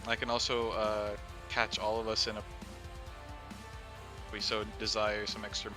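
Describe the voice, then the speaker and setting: A man's voice: fairly low pitch, completely flat delivery, measured pace, music in the background. A man playing a tabletop game over an online voice call, talking hesitantly while his audio cuts out and fades. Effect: voice call audio cutting out, dropping and fading.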